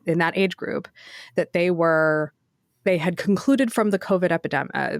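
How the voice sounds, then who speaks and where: Low-voiced woman podcast host, lively. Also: no room sound, studio quality. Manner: animated, laughs often, acts out quoted survey answers. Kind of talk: casual podcast discussion.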